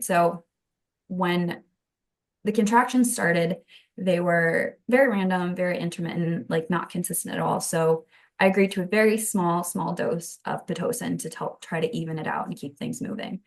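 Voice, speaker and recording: A woman's voice: lowish voice, creaky. A woman in her thirties earnestly telling her own birth story as a podcast guest, in detail. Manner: earnest and detailed, with some restarts. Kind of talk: conversational storytelling.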